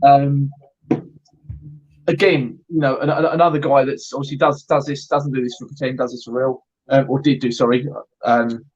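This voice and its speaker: A man's voice: medium pitch, level tone, moderate pace, darkish tone, lo-fi sound. A man hosting a casual debrief of an airsoft event, swearing and joking and often stumbling and restarting his words.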